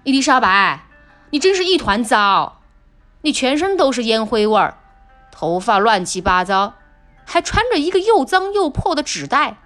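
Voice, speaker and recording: Vain fussy prince, haughty and picky, read by a woman storyteller, light pitch. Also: sing-song, moderate pace, a bit bright, faint music behind. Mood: disdainful.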